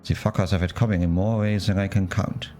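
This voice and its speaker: A man's voice: low voice, fairly even intonation, fairly quick, dark tone, slight background noise, natural voice. A man voicing a grieving, vengeful older male ex-punk runner in a put-on German accent. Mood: earnest, vengeful.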